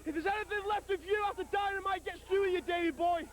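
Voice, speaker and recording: A very high-voiced man taunts his rival in a wrestling promo. He is boastful and threatening and piles on threats. This is the sound of a 1989 TV broadcast. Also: fast, a little hiss or hum. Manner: boastful, threatening, growls low at the end.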